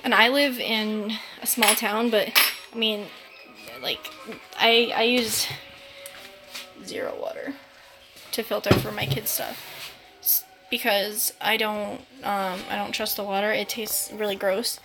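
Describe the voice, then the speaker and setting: A woman's voice: medium pitch, little pitch movement, takes it slowly, loud music behind the voice. A tired young woman from New England, hosting a casual live stream, rambling and chatty with lots of fillers and the odd angry curse. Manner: rambling, chatty, with many fillers and swearing outbursts.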